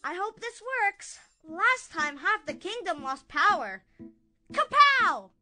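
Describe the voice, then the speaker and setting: Woman as a very high, wisecracking fairy inventor. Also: animated, unhurried, music in the background. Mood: wry, zappy. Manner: playful, showy exclamations. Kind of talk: children's storybook acting.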